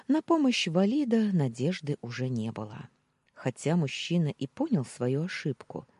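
A woman reads a first-person audiobook in a measured, expressive way. Her voice is low and husky, with a mellow darkness. The pitch moves in lively swings through the sentences. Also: no echo. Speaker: audiobook narrator.

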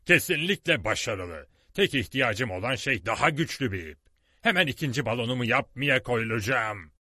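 A man voicing a boastful, brusque old professor in an audiobook, booming and triumphant. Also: sing-song, moderate pace, a bit bright, breathy edge, dry recording, clean studio sound.

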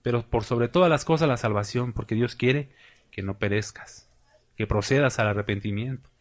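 A man's voice: mid-range voice, normal speed. A man with a Mexican accent preaching a sermon, emphatic and conversational, asking his congregation questions and slipping in folksy jokes. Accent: Mexican Spanish. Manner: folksy and joking, with colloquial asides.

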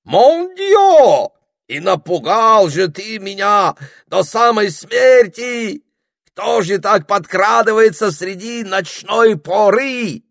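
A man doing an old female steam engine, French accent, husky, shrill, theatrical, storybook audiobook. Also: animated, takes it slowly, a bit bright, no echo, clean studio sound, full character voice. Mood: panicked. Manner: dramatic, squealing, flirtatious. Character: fussy elderly French female steam locomotive.

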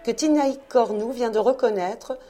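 A woman's voice: a little high, moderate pace, dark tone, pitched above the performer's own voice, close to an everyday voice. A woman voicing a proud young peasant daughter. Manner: earnest, pleading.

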